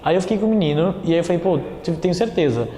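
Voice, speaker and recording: A man's voice: fairly high pitch, animated, racing, mellow, a little hiss or hum. A nineteen-year-old man with a Brazilian accent, telling his story in a casual, slangy way. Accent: Brazilian Portuguese. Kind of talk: personal testimony. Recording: echoey room, faint ambience.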